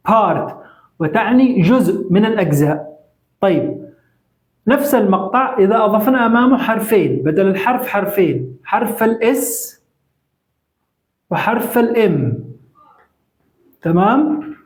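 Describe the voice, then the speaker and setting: Patient teacher with a Saudi accent. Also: medium pitch. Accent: Saudi Arabic. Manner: patient, deliberate, checks understanding with repeated questions. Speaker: English teacher. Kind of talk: short vocabulary lesson. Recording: roomy echo.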